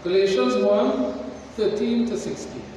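A man preaching a slow, deliberate sermon in a high voice, stopping often to ask his congregation questions. He is picked up from far off in a large church hall, where a long, heavy echo trails after every phrase. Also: dark tone, a little hiss or hum.

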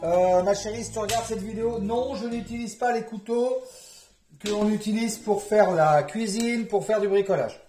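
Man, put-on southern French accent, high voice, playful DIY vlog chat, faint music behind. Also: normal speed, dark tone. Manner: playful, jokey, talks to viewers, hums and sings bits. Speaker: DIY vlogger. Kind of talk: casual home DIY vlog.

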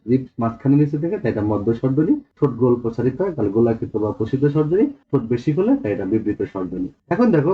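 A male teacher with a Bangladeshi accent walks students through a textbook lesson at a quick clip. He explains step by step and keeps prompting them to look. The recording is dull and lo-fi. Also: mid-range voice. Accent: Bangladeshi Bengali.

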